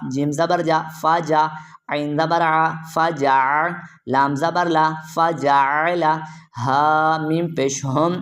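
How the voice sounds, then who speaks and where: A male Quran teacher giving a tajweed lesson. He spells out syllables one at a time, asks how each word is read, and then answers with slow, drawn-out melodic recitation. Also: on the high side, fairly bright tone. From Pakistan.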